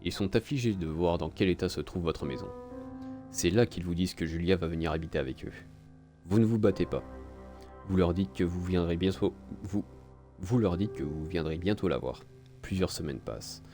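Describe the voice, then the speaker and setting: A man's voice: low-pitched, normal speed, dark tone, faint music behind. A man playing a video game on stream, reading its story text aloud and adding casual, crude asides. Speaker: let's play streamer.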